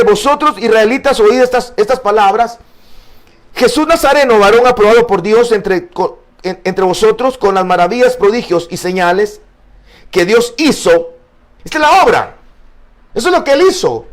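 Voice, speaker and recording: A male pastor teaching a Bible study, earnest and explanatory, with frequent fillers and repeated words. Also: very high-pitched. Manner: addresses listeners as brother.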